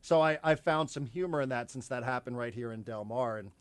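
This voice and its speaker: A man hosting a sports talk radio show from the studio, talking in an animated, rambling way with lots of repeated words. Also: mid-range voice, fairly quick, dry recording. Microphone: studio microphone.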